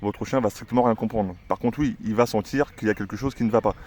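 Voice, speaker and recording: Un homme qui explique le dressage de son chien en vlog décontracté, avec beaucoup d'hésitations. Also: male voice, lowish voice, steady tone, quick pace, darkish tone. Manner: chatty, many "euh" fillers, gives commands to the dog. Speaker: dog trainer and channel owner. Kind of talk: casual explanatory vlog with a dog.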